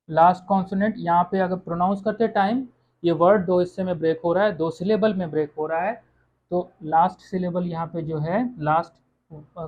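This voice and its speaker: Teacher slowly spelling out French sounds. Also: medium pitch, lo-fi sound, a little hiss or hum. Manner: slow, repeats words, says "okay" often. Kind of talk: online language lesson.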